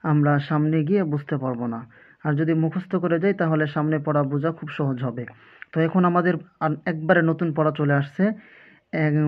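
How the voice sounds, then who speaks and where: Man, high voice, slow letter-by-letter reading lesson, dull lo-fi recording. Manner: spells out each letter and vowel mark, then blends the syllables. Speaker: Quran reading teacher. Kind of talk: slow spelling-out recitation lesson. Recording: dull lo-fi sound.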